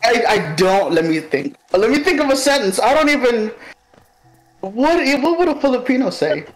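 A man's voice: extremely high pitch, sing-song, normal speed, soft background music, rough recording. A man chatting casually on a stream, hesitant and rambling, with frequent giggles. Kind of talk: casual chat.

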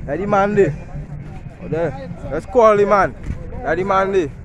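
A man's voice: high voice, a little slow. A young man with a Trinidadian accent, vlogging in casual hype talk from a parking lot, filming himself at arm's length. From Trinidad and Tobago. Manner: hyped, repeats calls to like and subscribe. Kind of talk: casual vlog chat. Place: outdoor parking lot by a bus. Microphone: handheld camera held at arm's length. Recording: outdoors with loud music and crowd.

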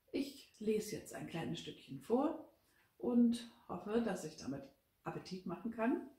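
A woman author reading from her novel with an expressive, lively delivery. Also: lowish voice. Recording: roomy, from a distance.

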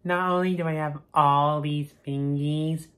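Man voicing Reggie, a slow, boastful cartoon raccoon. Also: fairly high pitch, fairly even intonation, a bit bright. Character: boastful, nerdy young male cartoon raccoon.

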